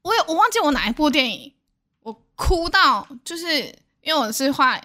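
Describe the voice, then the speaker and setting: A young woman, co-hosting a podcast in a relaxed way, laughing and adding small agreeing sounds. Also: high-pitched, moderate pace. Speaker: podcast co-host. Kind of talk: casual chat.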